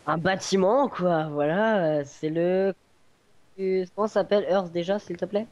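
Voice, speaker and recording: A man's voice: sits high, a little slow, a little mellow. Dull lo-fi man, hesitant game tour. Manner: hesitant, searching for words. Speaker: server tour guide. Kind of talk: casual game walkthrough commentary. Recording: dull lo-fi home recording.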